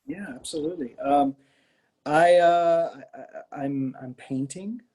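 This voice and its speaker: On the high side and darkish in tone, this unhurried voice belongs to a middle-aged artist from Florida's Miami area. Interviewed casually, he rambles and hesitates, often repeating words.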